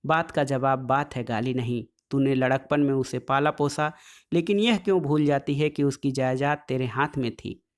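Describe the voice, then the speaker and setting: A man's voice: medium pitch, normal speed, smooth, natural voice. A man voicing a self-assured village clerk making a reasoned point, read from a storybook. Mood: reasoning.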